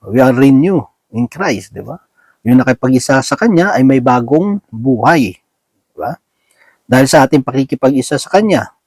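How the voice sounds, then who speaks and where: A man preaching in a relaxed, chatty way, with a somewhat high voice recorded close and dry. He keeps checking in with his listeners through quick tag questions and slips English words into his speech. He chuckles now and then between points. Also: no echo. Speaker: lay preacher. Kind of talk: conversational sermon.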